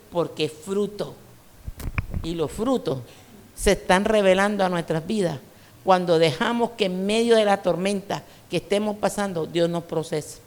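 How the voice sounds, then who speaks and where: A woman preacher from Colombia with a coastal Colombian accent, giving an emphatic, conversational sermon full of personal stories. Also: medium pitch. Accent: Colombian Caribbean coast. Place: church hall. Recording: reverberant church hall.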